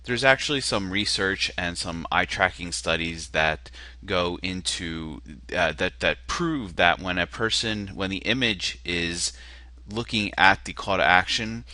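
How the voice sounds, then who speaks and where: The marketer here walks through a landing page on screen in a casual way, critiquing it with hesitation, frequent fillers and self-deprecating remarks. His voice is low, nasal and sharp, and he talks a little slowly. There is no echo.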